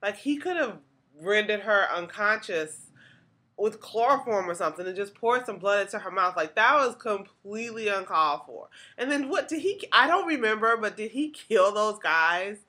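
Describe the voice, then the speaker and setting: A podcast host with a bright, forceful, mid-range voice talks at a moderate pace and sounds animated. She chats her way through a TV episode casually, saying "like" a lot and restarting her sentences.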